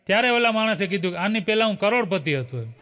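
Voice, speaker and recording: A man with a high, very animated voice rattles off a string of short jokes, chuckling often and tagging his lines with a filler. His brisk delivery is very noisy and carries a long hall reverb.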